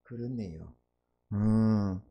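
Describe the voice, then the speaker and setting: An extremely slow, gravelly voice on the low side belongs to a pastor in his sixties giving a Sunday sermon, with the highs cut off in the audio. He swings from loud, emphatic exhortation to soft asides and asks the congregation for amens.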